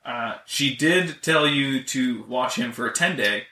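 A man's voice: medium pitch, unhurried, sharp tone. A man narrating a tabletop game as game master, playful and coaxing. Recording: roomy, distant mic, faint noise.

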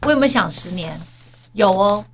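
A woman's voice: medium pitch, lively intonation, normal speed. A woman co-hosting a podcast, chatting playfully and teasingly, mixing in English words. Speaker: podcast co-host. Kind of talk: casual chat.

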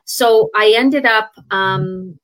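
Poor audio captures a very slow, medium-pitched woman with a fairly bright tone and a Canadian accent. A middle-aged traditional healer, she's an interview guest openly telling her life story, conversational and given to hesitant restarts.

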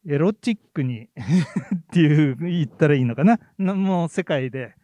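Soft-spoken man chatting, hesitant and relaxed. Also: on the high side, a little slow, dry recording. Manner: relaxed, hesitant, many fillers and soft laughs. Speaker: podcast co-host, theatre reviewer. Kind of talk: casual chat about plays.

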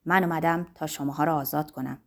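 A woman reading an audiobook, voicing an earnest, defiant young man from outside society whose speech is loud and ringing. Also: deep voice, fairly even intonation, gravelly, voice pushed down. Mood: impassioned.

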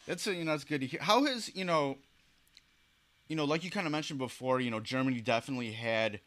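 A man's voice: mid-range voice, fast talker, fairly bright tone. A man interviewing a guest in a casual chat, leaning heavily on "you know" and "like" as he frames his questions. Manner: leans on "you know" and "like" fillers. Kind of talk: casual conversation.

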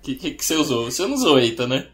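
A man co-hosting a casual chat, telling stories lively and acting out the dialogue. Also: medium pitch, very fast. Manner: animated, acts out quoted dialogue. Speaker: podcast co-host.

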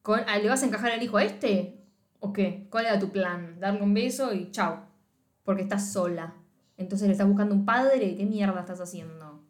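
A woman's voice: medium pitch, normal speed. A woman with a Rioplatense Spanish accent co-hosting a podcast, ranting bluntly and swearing freely in casual chat. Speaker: podcast co-host.

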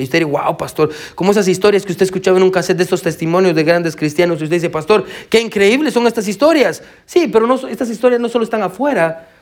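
Pastor guy with a high voice, preaching, really animated storytelling, talks to the crowd like brothers. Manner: addresses listeners as brother. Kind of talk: sermon.

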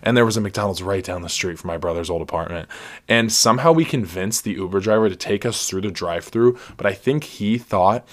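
A young man from Ohio telling a funny story on his podcast, casual and lively, laughing often and saying "like" a lot. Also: on the low side, brisk. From Ohio, USA. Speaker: podcast host.

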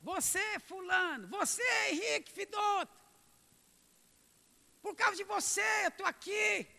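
A man voicing a condemned soul at the last judgment, shouting in shrill, desperate accusation. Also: a little slow, vocal fry, long reverb tail, full character voice. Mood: desperate accusing.

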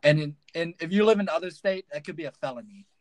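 Halting young co-host, dry sound. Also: male voice, a little high, no echo. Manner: hesitant, full of ums, halting. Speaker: podcast co-host. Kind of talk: casual podcast chat.

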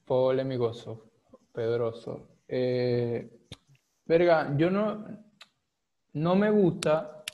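A man with a Maracaibo Venezuelan accent talks things through as a guest, stopping and restarting his sentences often. His voice sits slightly high. The recording is dull and lo-fi, as if muffled. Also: lively intonation. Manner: thoughtful, halting, many restarts and fillers. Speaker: podcast guest. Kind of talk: casual chat.

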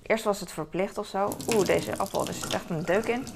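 A woman's voice: medium pitch, moderate pace, gravelly, noisy background. A woman in her thirties, a mother chatting casually in a rambling way while doing household chores for her vlog. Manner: chatty and rambling, animated when telling stories. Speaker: vlogger and mother.

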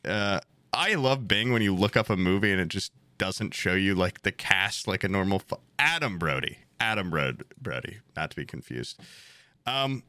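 A man's voice: low-pitched, animated, moderate pace, bright, forceful tone, no echo. A man co-hosting a podcast, chatting casually in a loose, rambling, profane way. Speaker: podcast co-host.

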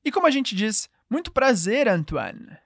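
A woman's voice: on the high side, sing-song, moderate pace, no room sound, clean studio sound. A woman with a Brazilian Portuguese accent teaching a call-and-response language lesson, patiently modelling phrases for the listener to repeat.

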